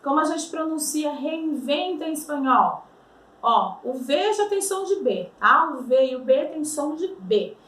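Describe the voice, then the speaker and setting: A woman teaching a language lesson. She explains patiently, repeats words slowly to show their pronunciation, and keeps checking with "tá?" and "vale?". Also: sits high, expressive, a bit bright. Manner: ends phrases with checking tags like "tá?" and "vale?". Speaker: Spanish teacher. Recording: roomy, slightly distant mic.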